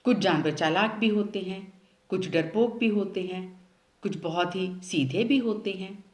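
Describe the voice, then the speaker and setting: A woman telling a children's story, speaking directly to the young listeners in an animated way. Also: medium pitch, measured pace. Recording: roomy echo.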